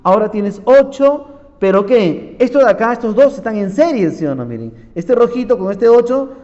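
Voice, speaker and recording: High-pitched guy teaching physics, keeps saying look here and quizzing the class, muffled audio with a long echo. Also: animated, normal speed, warm tone. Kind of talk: classroom lecture solving problems. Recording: dull audio with long reverb.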